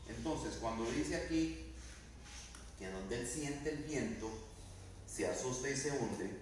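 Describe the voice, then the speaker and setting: A man's voice: medium pitch, a little hiss or hum. A male pastor preaches a sermon, asking the congregation questions and acting out quoted lines. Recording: very echoey room, mic at a distance.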